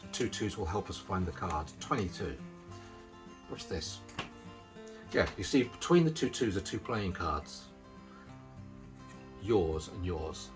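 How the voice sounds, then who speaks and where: A man's voice: low-pitched, expressive, unhurried, music in the background. A middle-aged man giving casual, chatty patter as a card magician, explaining as he handles the cards.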